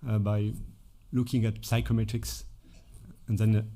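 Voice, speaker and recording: Male conference presenter, mellow, hesitant, lots of fillers. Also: fairly low pitch, flat delivery, normal speed. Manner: hesitant, many fillers, self-corrections. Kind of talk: conference talk with scripted dialogue. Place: conference room.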